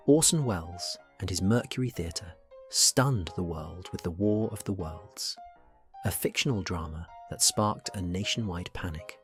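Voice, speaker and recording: Brief: low-pitched male documentary narrator, dramatic scripted read, faint music underneath.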